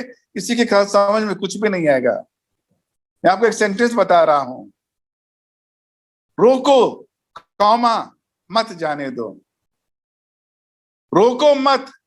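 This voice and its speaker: High-voiced pastor teaching Bible study. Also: male voice, fairly bright tone. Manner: didactic, enumerates points, tells jokes and anecdotes. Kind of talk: recorded teaching session.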